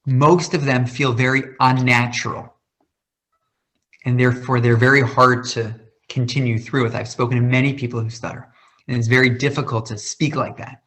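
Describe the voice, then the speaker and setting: In an online question-and-answer session, a man in his thirties shares personal stories with passion and drama, stuttering and repeating words. His mid-range voice is fairly bright, with a flat delivery at a moderate pace. He is the guest speaker.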